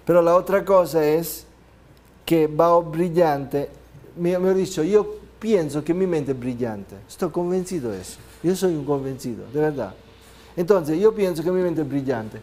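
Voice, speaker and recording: A man leads a self-help seminar in a somewhat high voice with a soft, warm tone. He talks earnestly and keeps checking in with his listeners. He asks rhetorical questions and acts out small scenes as he goes. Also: animated, moderate pace. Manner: peppers talk with "ok?" and rhetorical questions. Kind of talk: motivational seminar talk.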